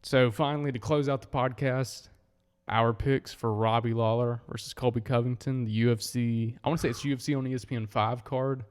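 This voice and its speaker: Young man with a smooth, echoey voice. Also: mid-range voice, steady tone, fairly quick. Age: 20s. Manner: easygoing, leads the rundown with frequent ums. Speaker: podcast co-host. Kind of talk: casual chat.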